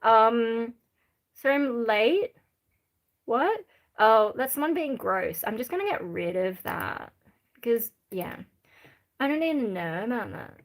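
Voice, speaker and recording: A woman's voice: a little high, lively intonation, slow pace, long pauses. An Australian woman chatting casually on a livestream, reading out viewer questions in a blunt, irreverent, rambling way. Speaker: live streamer.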